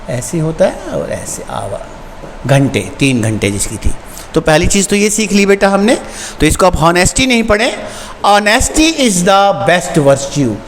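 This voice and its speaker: A man teaching an English lesson to children, repeating words slowly and translating line by line. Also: high-pitched. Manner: calls pupils "beta" warmly. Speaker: school teacher. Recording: reverberant room, faint background noise.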